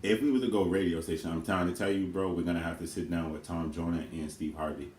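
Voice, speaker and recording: A man with a very deep voice lays out his ideas earnestly and with emphasis in a casual Q&A with his twin. The room is echoey, with a faint hiss in the background. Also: fairly even intonation, quick pace, darkish tone. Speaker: co-host twin. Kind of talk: casual Q&A chat.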